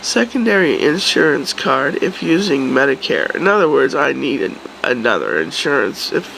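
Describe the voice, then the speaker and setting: A middle-aged woman with a cold, chatting casually in a hoarse, congested, swollen-throat voice, rambling and wryly grumbling. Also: rumbling low, sing-song, normal speed, fairly bright tone, a little hiss or hum, low-quality recording. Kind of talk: casual vlog chat. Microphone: phone or camera at arm's length.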